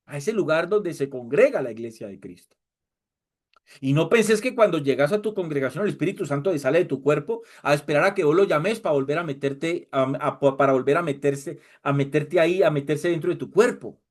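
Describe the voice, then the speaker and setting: Man preaching, high voice, impassioned, mocking. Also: animated, fairly quick. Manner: impassioned, mocking mimicry of worshippers. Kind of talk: sermon.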